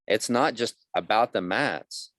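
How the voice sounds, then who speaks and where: Man, fifties, deep voice, dry studio sound, frank storyteller voicing other people's lines. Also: measured pace, a bit bright, no room sound. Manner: candid storytelling, acts out quoted dialogue. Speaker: guest. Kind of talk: conversational podcast interview.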